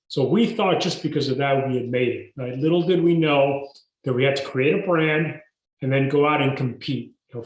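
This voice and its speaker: A man, a guest telling his story in a podcast interview in a measured, emphatic way. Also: on the high side. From Mexico. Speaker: guest entrepreneur. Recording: roomy echo.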